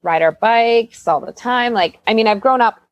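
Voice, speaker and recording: This Calgary woman, a performer and magician's assistant, speaks a little high at normal speed with a clean tone. The recording has no room sound and its highs are cut off. With a Canadian accent, she chats informally and shares personal stories as an interview guest.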